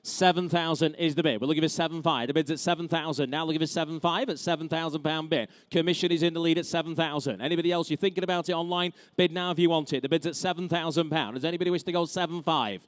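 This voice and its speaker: A British man calls a live auction in a fairly high voice, captured close and dry. He chants figures over and over in an auctioneer's brisk patter, dropping in informal asides to bidders. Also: fairly even intonation, no echo. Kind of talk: live auction calling, repeated bid chants.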